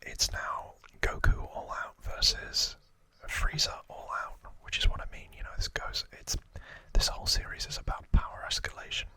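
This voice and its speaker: Whispering with no voicing, this man recaps things informally for an ASMR video, speaking into a close mic at a moderate pace with few pauses. He sounds bright and forceful, though hesitant, rambling, and prone to correcting himself.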